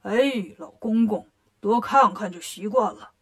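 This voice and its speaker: A woman's voice: mid-range voice, measured pace, fairly bright tone, pitched below the performer's own voice. A smug, jealous pig monk, as a woman storyteller puts him on, drawing out his words with pleased self-praise. A bragging storybook figure for children. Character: clumsy boastful pig disciple, jealous.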